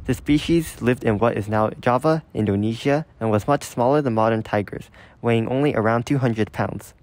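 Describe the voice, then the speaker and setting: A man's voice: mid-range voice, moderate pace, a little mellow, no room sound. A man reading scripted, factual nature documentary narration.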